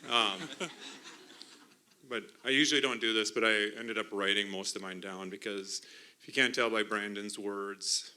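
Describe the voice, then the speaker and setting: A middle-aged man giving an emotional church testimony about a mission trip, partly reading from notes, earnest and halting with restarts. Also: on the low side, fairly even intonation, pushed and bright, clear, resonant tone. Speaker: mission trip team member sharing testimony. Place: church sanctuary.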